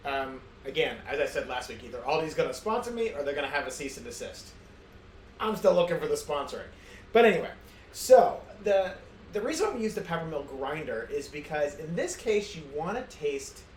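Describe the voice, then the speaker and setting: A man's voice: a little high, big pitch swings, moderate pace, a little mellow. Middle-aged guy doing a home cooking show, rambly and amused at himself, lots of uh and um, echoey kitchen. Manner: rambling, self-amused, many fillers and restarts. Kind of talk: casual cooking demonstration. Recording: roomy kitchen with faint ambient noise.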